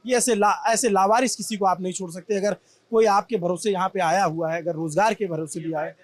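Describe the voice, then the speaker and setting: A man's voice: high-pitched, steady tone, fairly quick. Impassioned man reporting from the scene. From Prayagraj, India. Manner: impassioned, emphatic, rhetorical. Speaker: field reporter. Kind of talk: on-site news report. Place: at a damaged shop after a crowd crush.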